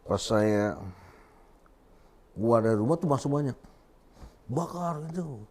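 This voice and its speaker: Male guest, testimony storytelling, animated, acts out dialogue. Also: medium pitch, unhurried. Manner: animated, acts out quoted dialogue, many fillers and restarts. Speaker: interview guest giving testimony. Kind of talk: emotional storytelling.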